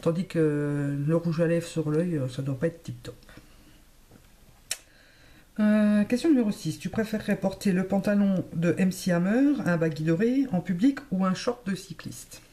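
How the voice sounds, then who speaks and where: A woman vlogging casually to camera about beauty, chatty and hesitant, pausing often with fillers as she thinks aloud. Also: fairly low pitch, dark tone.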